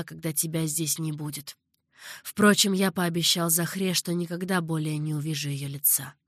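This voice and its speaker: A woman's voice: deep voice, no room sound, clean studio sound. Woman reading a grave, tender caliph. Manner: earnest, patient, sorrowful. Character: older male caliph, grave and tender ruler.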